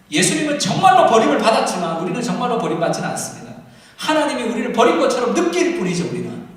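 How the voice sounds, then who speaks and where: Male pastor, passionate sermon delivery, distant mic in a reverberant hall. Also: high voice. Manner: impassioned, acts out quoted prayers loudly. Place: church sanctuary. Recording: echoey hall, voice from far off.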